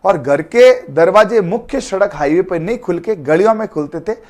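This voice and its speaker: Male tutor, fairly high pitch, informal, joking live online class. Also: expressive, normal speed, a little mellow. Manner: chatty, calls students beta, jokey memory tricks. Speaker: teacher.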